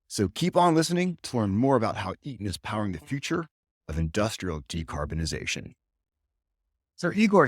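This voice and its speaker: A man's voice: medium pitch, no echo, studio quality. A man hosting a radio talk show in an upbeat, chatty way.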